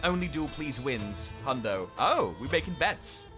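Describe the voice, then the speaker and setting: A man casting a live game stream in casual chat, reading chat aloud with quick asides. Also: medium pitch, sing-song, pushed and bright, faint music behind. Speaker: esports caster.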